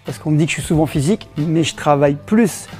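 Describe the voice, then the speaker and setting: A man's voice: on the high side, fast talker, a little mellow, faint music behind. A middle-aged man with a French accent teaching self-defense in a casual demonstration, joking and laughing often as he explains.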